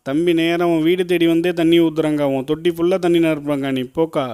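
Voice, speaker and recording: A man's voice: fairly high pitch, flat delivery, fast talker, warm tone, clear, resonant tone, natural voice. A man voicing a fawning water lorry driver who defers to a powerful woman, in a doll play. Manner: soothing, deferential.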